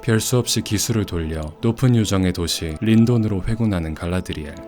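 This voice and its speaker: A man's voice: lowish voice, a little fast. A man giving scripted, dramatic story narration as a recap narrator. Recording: loud music under voice-over. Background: loud music.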